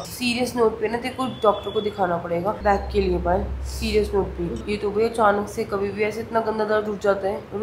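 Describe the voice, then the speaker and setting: A young woman vlogging from a hotel room, talking low and soothing, repeating calm reassurances. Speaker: family vlogger. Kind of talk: casual vlog talk to camera. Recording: echoey room with loud background noise.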